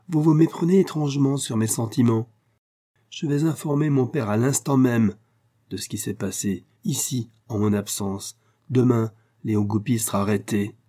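Brief: male narrator playing a haughty young rich woman, scornful and commanding, raised voice over a mellow timbre. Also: mid-range voice, pitched above the performer's own voice, lightly acted. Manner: imperious, scornful. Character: haughty young woman, proud spoiled heiress. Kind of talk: audiobook character reading.

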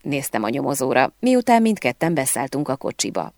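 A woman narrating a first-person novel aloud in an expressive storytelling manner. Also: a bass voice, no echo, clean studio sound. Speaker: audiobook narrator.

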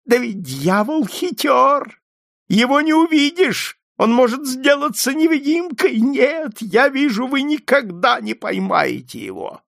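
A man's voice: big pitch swings, a little slow, vocal fry, fairly bright tone, dry recording, studio quality, full character voice. A man voicing a frail, paranoid old man who is terrified and suspicious of everyone, in an audiobook reading. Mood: hysterical. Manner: shrill, pleading, frantic.

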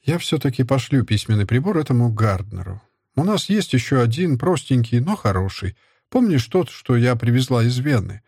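A man reading an audiobook and voicing a worried middle-aged wife, lifting his husky voice for her gentle, coaxing lines. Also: very animated, normal speed, dry recording, studio quality, exaggerated voice. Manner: gently coaxing, raised pitch. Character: anxious, tender middle-aged wife and mother. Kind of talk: audiobook character voice.

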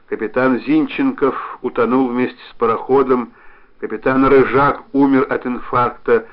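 A man's voice: medium pitch, lightly acted. A man reading the part of a weary, irritable old sea captain who speaks in clipped, bitter phrases, on a dull lo-fi recording.

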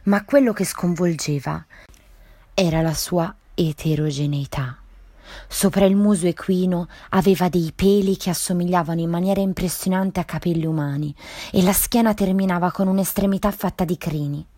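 A woman reads a short story aloud in a measured, storytelling manner. Her voice is on the low side. The recording is dry and close, with no room sound. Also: fairly even intonation, mellow, no room sound. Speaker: reader.

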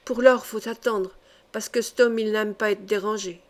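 A woman reading an audiobook voices a vulgar old woman who speaks low and bluntly. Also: fairly even intonation, normal speed, natural voice. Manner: low, blunt, plain-spoken. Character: vulgar, common old woman waiting in a studio.

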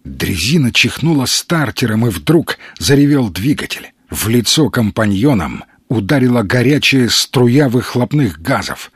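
A man reading an audiobook in steady, dramatic scripted narration. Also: mid-range voice, unhurried, slightly rough, no room sound, studio quality.

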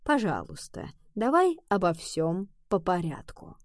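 A woman voicing a wise, firm male cat teacher in a children's audiobook, measured and persuasive. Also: lowish voice, very animated, dry recording, clean studio sound.

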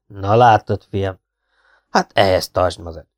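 A man doing a gruff, cocky fat scorpion charmer. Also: deep voice, no room sound, clean studio sound, close to an everyday voice. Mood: smug. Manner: blunt, scolding, slow and cocky. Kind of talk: audiobook character voice.

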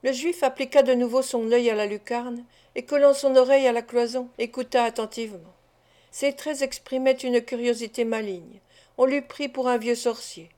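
A woman reads a classic novel aloud as an audiobook narrator, measured and even in her storytelling. Her voice sits somewhat high and stays clear. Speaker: audiobook reader. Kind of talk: scripted narration.

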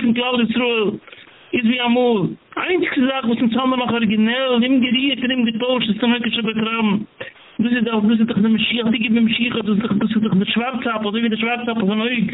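High, flat-voiced rabbi on a phone line. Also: male voice. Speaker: rabbi lecturer. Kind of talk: Yiddish-laced sermon lecture. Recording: tinny phone-line audio with hiss.

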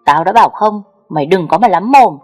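A woman's voice: on the low side, steady tone, normal speed, dark tone, soft background music, close to an everyday voice. A woman voicing a heartbroken, irritable young man in an audio story, curt and snappish. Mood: irritated.

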